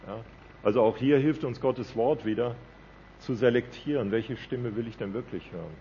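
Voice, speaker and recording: A man's voice: medium pitch, normal speed, dark tone, dull audio, slight background noise. A man preaching a sermon in an earnest, conversational way, often checking in with a "ja?".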